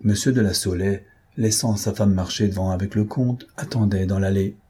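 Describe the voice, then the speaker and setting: A man reads a classic novel aloud in a measured, expressive style. His voice is low and dark, with a husky texture. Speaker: audiobook narrator. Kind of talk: literary audiobook reading.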